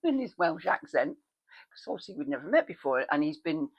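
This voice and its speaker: A woman's voice: brisk, lo-fi sound. Chatty woman with rambling asides. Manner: animated, with sudden pitch leaps when excited. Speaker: vlogger. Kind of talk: casual chat.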